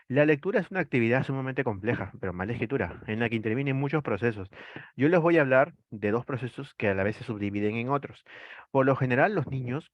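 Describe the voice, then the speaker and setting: A man with a Peruvian Spanish accent, from Peru, lectures an online class in a mid-range voice. He explains things and poses rhetorical questions that he answers himself, often adding the tag "¿no?". The recording is dry and lo-fi.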